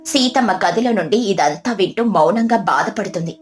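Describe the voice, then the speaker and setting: A woman narrating a scripted moral story in a steady, expressive reading voice. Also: medium pitch, normal speed.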